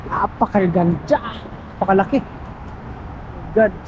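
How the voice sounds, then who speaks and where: Filipino man vlogging over clear outdoor noise. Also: high voice, unhurried, dull audio. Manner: exclamatory, slangy, talking to viewers. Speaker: vlogger and host. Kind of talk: casual vlog chat. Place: outdoors in a city. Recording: noisy outdoor recording with traffic ambience.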